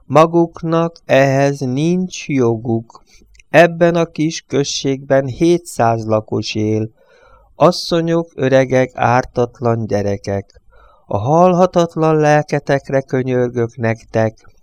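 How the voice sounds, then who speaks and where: A man reading an audiobook voices an earnest village priest who pleads slowly and solemnly. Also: medium pitch, a little mellow, smooth, no room sound, voice pushed up, natural voice. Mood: pleading.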